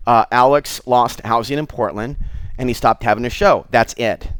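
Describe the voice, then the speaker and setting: A middle-aged American man who hosts his own online show gives his viewers an unscripted, rambling monologue, candid and confiding as he drifts from thought to thought. His mid-range voice is clear and resonant, at normal speed, and the recording is dry.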